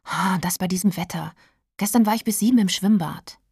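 A woman's voice: medium pitch, lively intonation, brisk, darkish tone, husky, dry recording, clean studio sound. A woman voicing a chatty, self-absorbed teenage schoolgirl in a storybook reading, gushing and whiny.

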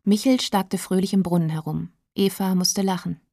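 Female audiobook narrator, calm storyteller, mellow and dry. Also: mid-range voice, moderate pace, creaky, no room sound. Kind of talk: audiobook reading.

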